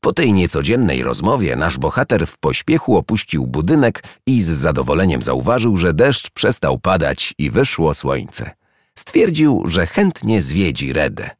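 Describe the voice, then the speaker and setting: A man with a very deep voice reads a children's story aloud, his pitch rising and falling expressively. The recording is dry and close, with no room sound. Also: very animated, unhurried, no echo. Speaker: narrator.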